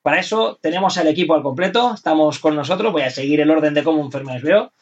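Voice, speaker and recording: A man's voice: a little high, quick pace, recorded from a distance, highs cut off. A man with a Spain Spanish accent casually hosting a hobby podcast, repeating phrases as he steers the talk. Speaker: podcast host.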